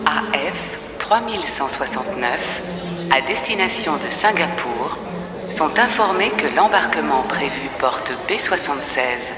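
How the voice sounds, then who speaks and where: A woman reading formal airport boarding announcements in a measured way. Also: sits low, animated. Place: airport terminal. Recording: echoey airport hall with crowd.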